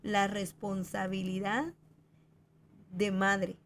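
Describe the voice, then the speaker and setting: A woman's voice: medium pitch, flat delivery, very slow, slight background noise. A woman talking in a reflective, conversational way, hesitating with fillers as she works through her thoughts. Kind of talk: conversational podcast talk.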